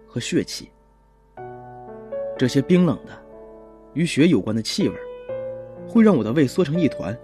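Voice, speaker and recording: A man narrating as a gentle young policeman. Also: mid-range voice, lightly acted. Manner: measured, gentle storytelling. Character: young male police officer, calm and gentle. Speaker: first-person narrator. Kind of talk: audio drama narration.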